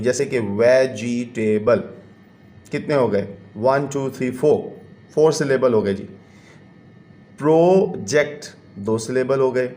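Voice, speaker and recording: A man's voice: medium pitch, dark tone, roomy sound. A man, teaching a classroom lesson and explaining patiently step by step. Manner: patient, explains step by step, counts syllables aloud.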